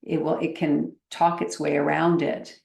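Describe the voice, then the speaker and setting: In a roomy, echoey recording, a woman meditation teacher leads a guided meditation gently and unhurriedly, leaving long pauses. Her voice sits low, with a level tone and a gravelly texture.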